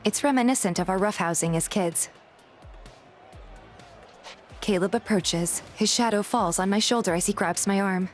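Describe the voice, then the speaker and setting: Her pitch is medium and her pace slightly quick. The woman is reading a scripted first-person narrative like an audio drama, serving as narrator and heroine of a fan dub while music plays underneath.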